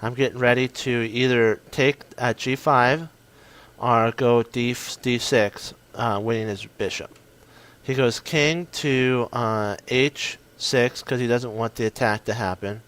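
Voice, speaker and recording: An excitable man talks through a chess game he won, in short punchy bursts. His voice sits at an ordinary mid pitch. He often stumbles and corrects himself as he goes. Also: slow pace. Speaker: chess commentator. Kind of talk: casual game commentary.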